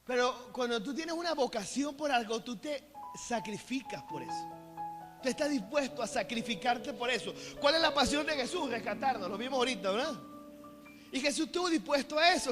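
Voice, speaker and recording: A man with a Venezuelan accent preaching a sermon as a pastor. He is energetic and joking, and often calls out to the congregation to keep them engaged. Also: extremely high pitch. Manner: playful, mixes jokes into preaching. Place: church hall. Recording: echoey hall with faint music behind.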